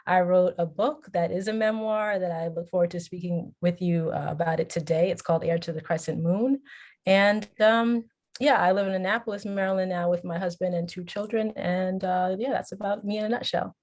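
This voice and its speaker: Matter-of-fact woman, low and flat. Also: brisk. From Long Island, New York. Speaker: panelist, memoir author and teacher. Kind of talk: panel self-introduction.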